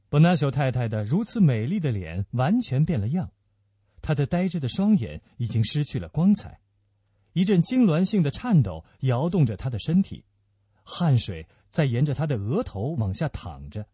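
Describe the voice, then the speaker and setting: A man narrates a dramatic tale with lively, expressive rises and falls. His voice is husky. The recording sounds muffled and dry. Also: mid-range voice, no room sound. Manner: expressive storytelling.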